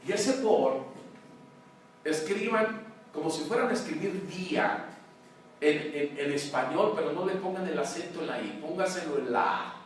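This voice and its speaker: A man's voice: fairly high pitch, expressive, moderate pace. Emphatic male pastor in an echoey hall. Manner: emphatic preaching, swings between loud and hushed; addresses congregation as "hermano", asks "¿verdad?". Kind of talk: sermon. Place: large church hall. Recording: very echoey church hall, mic far off, faint noise.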